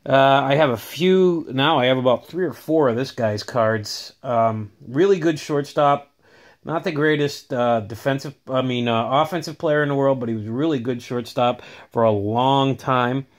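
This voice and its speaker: A man's voice: mid-range voice, normal speed. A man casually talking through his autograph collection in a home vlog, rambling with many fillers and restarts, filmed on a handheld phone. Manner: rambling, filler-heavy, upbeat. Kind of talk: casual show-and-tell vlog.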